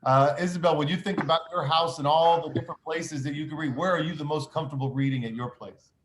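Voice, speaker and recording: Speaking quickly in a steady tone, a school principal with a fairly high voice runs through encouraging, upbeat morning announcements, frequently filling gaps with "uh." The clip has a school-intercom sound, set in an echoey room and touched by faint noise.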